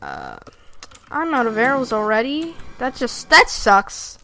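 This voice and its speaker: A woman runs live commentary over her own gameplay, her voice sitting somewhat high. She gets excitable, curses freely and keeps turning to address her viewers directly. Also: unhurried. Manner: excitable, swears freely, talks straight to viewers. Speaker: gaming channel host.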